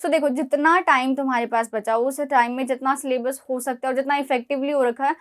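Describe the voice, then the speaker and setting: Young indian woman coaching exam kids, high voice, blunt and pushy but encouraging. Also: steady tone, a little fast. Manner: direct, scolding and encouraging, talks straight to students. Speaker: exam prep mentor. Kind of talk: motivational study advice.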